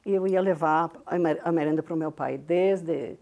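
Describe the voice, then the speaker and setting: An older woman from Rio Grande do Sul in southern Brazil, a business founder, tells her story as a guest on an interview show, often adding tag questions. Venetian Italian was her first language, and she speaks Brazilian Portuguese with a heavy Italian-Venetian accent. Her voice is low and a little mellow, at a normal speed.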